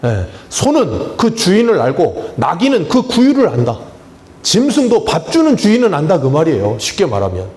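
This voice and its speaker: A man's voice: on the high side, huge pitch swings, moderate pace, darkish tone. A man who is a pastor, preaching a sermon in a church in a plain, conversational way. He keeps asking the congregation questions and then answers them himself, with touches of humor. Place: church sanctuary.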